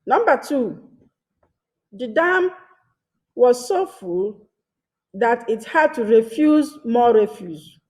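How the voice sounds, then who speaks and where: A woman teaching a grammar lesson, reading each example sentence twice and pausing between short phrases. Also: fairly high pitch, lively intonation, a little mellow. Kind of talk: slow deliberate grammar lesson.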